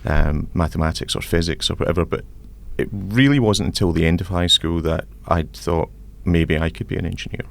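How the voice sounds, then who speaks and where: A man in his forties with a Scottish accent, answering interview questions about his engineering career in a measured, reflective way. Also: sits low, creaky. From Scotland. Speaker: civil engineer guest. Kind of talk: podcast interview.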